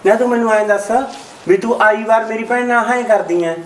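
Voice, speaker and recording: A man's voice: high-pitched, brisk, a bit bright, rough recording. An actor playing a protective brother who takes his sister's side against his wife. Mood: reproachful. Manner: insistent, reproachful. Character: protective brother, firm and indignant. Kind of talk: amateur short-film acting.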